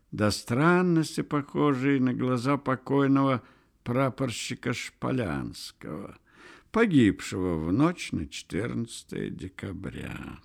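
A male narrator reads a classic novel aloud with slow, deliberate pacing. His voice sits at an ordinary pitch, and his delivery is calm and measured. Each sentence is given room to breathe. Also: creaky. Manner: measured, unhurried storytelling. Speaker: audiobook narrator. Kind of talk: literary audiobook reading.

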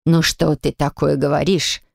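A shrewd old grandmother in a storybook, low and gravelly, drawing her words out in a slow, knowing way, as a woman narrator puts her on. The sound is close and dry. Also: level tone, a little mellow, no room sound, heavily acted. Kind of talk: audiobook character voicing.

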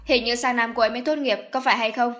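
An indignant young man arguing hard against his mother, as a woman narrator reads him. The voice stays fairly high and agitated throughout this audiobook scene. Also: fairly even intonation, very fast, a bit bright, close to an everyday voice. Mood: protesting. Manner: protesting, agitated. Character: indignant young adult son. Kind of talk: audiobook character voice.

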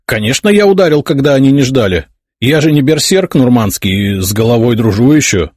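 A man's voice: medium pitch, animated, a little fast, a little mellow, no echo, studio quality, voice pushed up, close to an everyday voice. A man voicing a stubborn, fierce boy warrior who talks back defiantly. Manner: defiant, insistent.

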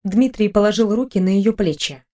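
A woman narrating an audiobook in an even, measured way. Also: mid-range voice. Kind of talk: scripted narration.

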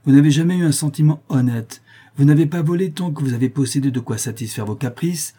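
A man's voice: on the high side, fast, dark tone, breathy edge, pitched above the performer's own voice. A man voicing a stern, coldly furious aristocratic father. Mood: accusing. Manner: cold, accusing, commanding.

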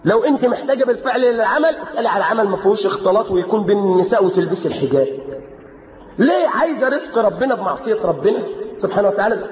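An Egyptian man delivers a fiery sermon, mocking excuses and rising to shouts. His voice sits high and the words pour out fast. The recording is muffled lo-fi tape with a long, echoing hall reverb. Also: lively intonation, crowd noise. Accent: Egyptian Arabic. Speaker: preacher. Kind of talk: Friday sermon.

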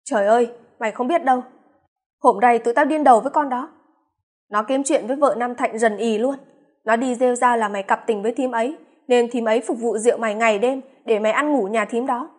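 A woman reading the part of an excitable middle-aged brother, exclaiming as he retells. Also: very high voice, a little fast. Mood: exasperated.

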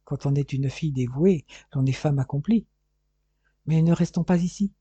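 Guy reading sneering bandit dude, hurried and bossy, dark husky voice, dull dry audio. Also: on the high side, no echo. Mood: mocking.

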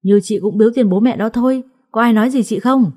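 A woman's voice: fairly high pitch, fast talker, a little mellow, lightly acted. A woman voicing a young husband who firmly defends his wife, in a storybook reading. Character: young husband, calm then angry.

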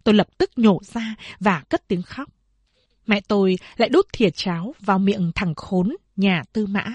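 Husky-voiced woman narrating a novel. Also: medium pitch, moderate pace, a little mellow, no echo. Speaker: audiobook narrator.

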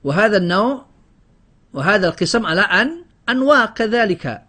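A man's voice: high voice, animated, fairly quick, pushed and bright. A man teaching a grammar lesson to a class, drilling word lists and quizzing students with questions. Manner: often breaks off and restarts words.

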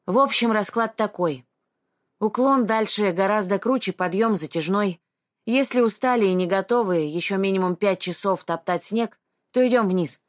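A woman's voice: mid-range voice, normal speed, natural voice. A woman voicing an honest, experienced male mountain hiker who speaks firmly and matter-of-factly. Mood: serious. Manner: firm, matter-of-fact.

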